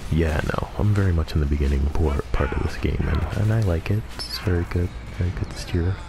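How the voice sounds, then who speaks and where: A man commentating on a video game in a hushed golf-commentator style, deadpan, joking and profane, with a gravelly voice. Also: fairly quick. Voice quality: very deep, gravelly. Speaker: gamer commentating over play. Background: game music.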